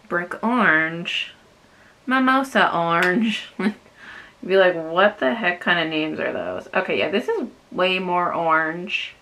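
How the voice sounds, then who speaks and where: A woman's voice: fairly low pitch, creaky, sharp tone. A young woman vlogging a casual makeup review, chatty and self-deprecating with lots of fillers. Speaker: beauty vlogger.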